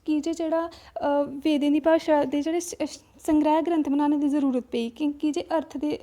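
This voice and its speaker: A woman with a Dogri accent teaching an exam-prep lesson in a high, mellow voice. She explains step by step, often stopping to check in and restarting her sentences. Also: steady tone, moderate pace.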